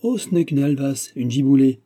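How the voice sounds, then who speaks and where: A man's voice: mid-range voice, normal speed, mellow, breathy edge, pitched above the performer's own voice, close to an everyday voice. A man voicing a shy, humble provincial man who speaks timidly in a storybook reading.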